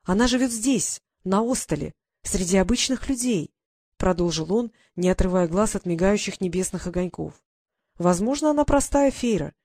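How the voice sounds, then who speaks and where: A woman voicing a calm, scheming male clockmaker lord with a dry, mocking way of talking. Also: mid-range voice, moderate pace, dry recording. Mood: cool, ironic.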